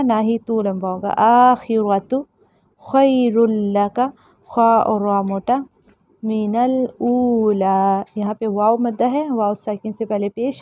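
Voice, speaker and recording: High-voiced woman teaching Quran recitation. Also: mellow, no room sound. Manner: slow melodic recitation then brisk instruction. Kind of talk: tajweed lesson, recitation and explanation. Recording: dull lo-fi dry recording.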